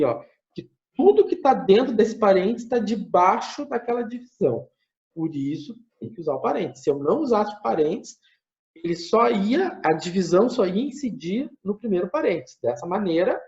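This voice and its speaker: A male math lecturer with a high voice teaches a class, thinking aloud through each step, tagging phrases with "né?" and correcting his own slips. His intonation is animated, rising and falling. The recording sounds muffled and lo-fi.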